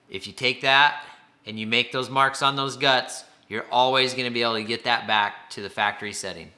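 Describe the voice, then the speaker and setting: A man's voice: mid-range voice, bright, forceful tone. A man giving an informal, plain-spoken instructional demonstration, explaining things step by step.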